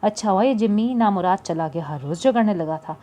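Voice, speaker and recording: A woman's voice: medium pitch, animated, fairly quick, warm tone, close to an everyday voice. Woman voicing a blunt but loyal companion woman. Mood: consoling. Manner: blunt, consoling.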